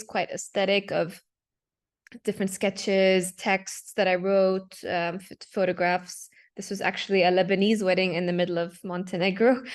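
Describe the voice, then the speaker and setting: A young adult woman, a digital artist from Palestine who grew up in Dubai, casually presenting her artwork on a video call with fillers and self-corrections. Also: mid-range voice. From Palestinian, raised in Dubai. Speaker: panel speaker, digital artist.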